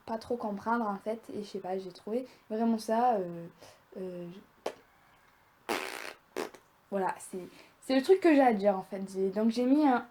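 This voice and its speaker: Chatty young woman with a mellow voice. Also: a little high, slight background noise. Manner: chatty, rambling, animated. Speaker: video creator. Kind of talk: casual review vlog.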